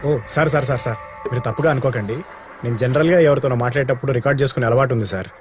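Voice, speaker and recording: Brief: actor as a sly, talkative guy, quick delivery, Telugu accent, movie score behind. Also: medium pitch, music in the background, natural voice. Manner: fast, chatty, flattering, keeps saying sir. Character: cheeky talkative listener with a recorder.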